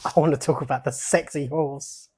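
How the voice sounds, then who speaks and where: A podcast co-host with a mid-range voice talks casually about an animated film. The delivery is relaxed, and the remarks are dry and observant. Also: medium pitch, normal speed, slight background noise. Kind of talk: casual chat.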